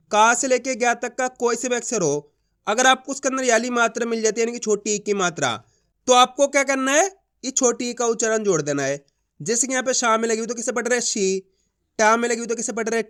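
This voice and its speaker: A man's voice: very high-pitched, fairly bright tone. A man teaching Hindi reading in an online lesson, sounding out words syllable by syllable and often checking that students follow. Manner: slow, drawn-out syllable-by-syllable sounding out; repeats patterns and checks if students understand.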